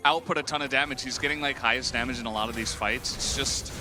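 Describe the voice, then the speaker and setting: A man's voice: medium pitch, quick pace. A man calling esports play-by-play, joking with his co-caster and rising with the action. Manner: lively, jokey, rises with the action. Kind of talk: play-by-play commentary. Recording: music bed under commentary.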